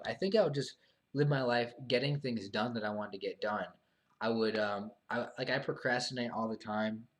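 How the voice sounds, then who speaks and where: Losing his voice after a long stretch of talking, a young live streamer answers viewer questions in a casual monologue. His voice is on the low side, soft and subdued; he sounds earnest but hesitant, stumbling through fillers and restarts.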